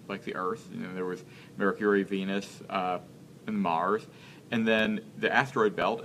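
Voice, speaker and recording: On the low side but fairly bright, this thirty-something man's voice comes through with slight hiss or hum. He's a guest in a relaxed live-stream interview, earnest and hesitant as he hunts for the right words.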